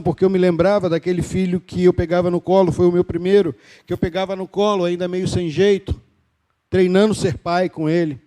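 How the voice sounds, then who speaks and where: A Brazilian pastor in his fifties delivers a sermon in a notably high voice. He builds rhythmic, repeated phrases to loud emphasis, then drops to a hushed, soft delivery.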